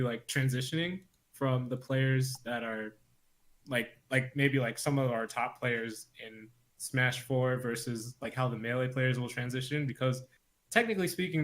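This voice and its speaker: A man in casual podcast chat about games. He circles around his point with lots of fillers and restarts. His voice sits at an ordinary middle pitch. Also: fairly even intonation, normal speed. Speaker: podcast co-host.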